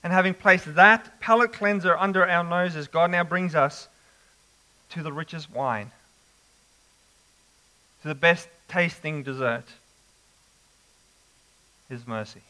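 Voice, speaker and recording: A man preaching an expository sermon, slow and emphatic with dramatic pauses. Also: on the high side, sharp tone, clean tone, low-quality recording.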